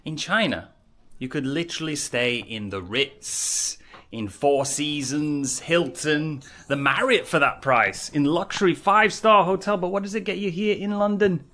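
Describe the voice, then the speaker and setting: A man's voice: on the high side, a little slow, bright, forceful tone. A British man filming a travel vlog, complaining with exasperated, mocking remarks as he walks through a hotel and city streets. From United Kingdom. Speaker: vlogger.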